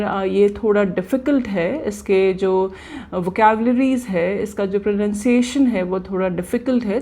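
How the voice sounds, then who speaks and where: A woman with an Indian accent hosting an astrology channel, telling a devotional story and giving advice, halting with many fillers and switching between Hindi and English. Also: medium pitch, darkish tone.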